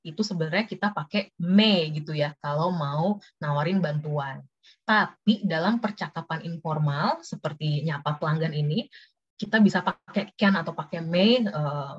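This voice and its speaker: A young woman giving a casual online lesson. She speaks in a chatty way and pronounces the example phrases slowly and clearly. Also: sits low, lo-fi sound. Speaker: webinar speaker teaching workplace English.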